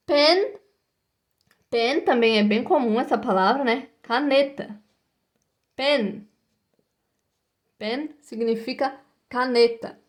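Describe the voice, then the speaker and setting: A woman teaching English vocabulary to children in a slow, patient way, repeating each word and checking in with short tags. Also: a little high.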